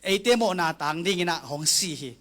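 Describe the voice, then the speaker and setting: A man preaching a sermon slowly and deliberately, sometimes closing a thought with an amen. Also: a bit bright. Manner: slow, deliberate preaching with frequent amens.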